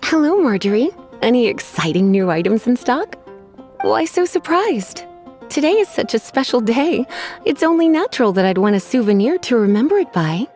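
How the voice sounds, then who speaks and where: This English video game performance features a woman as a languid, teasing librarian, polite and coy but hiding menace. Her pitch is fairly high and sing-song with a darkish tone, and she sighs with drawn-out politeness while soft music plays.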